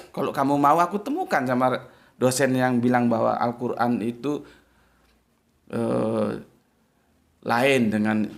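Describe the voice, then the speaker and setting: A man giving an informal religious talk, blunt and combative, with big swings up and down in pitch. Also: gravelly. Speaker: preacher and debater.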